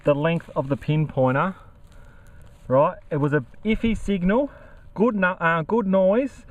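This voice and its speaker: A man's voice: fairly high pitch, measured pace, narrow, tinny audio. An Australian man narrating casually while metal detecting outdoors, chatty and easygoing with plenty of slang. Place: outdoors in a grassy paddock.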